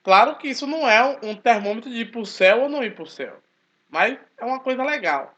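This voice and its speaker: A man, talking casually to his channel in a forceful, emphatic way. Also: very high-pitched, fast. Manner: speaks forcefully, animated and emphatic. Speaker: channel host, Baptist churchgoer. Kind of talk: casual spoken commentary. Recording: dull lo-fi recording.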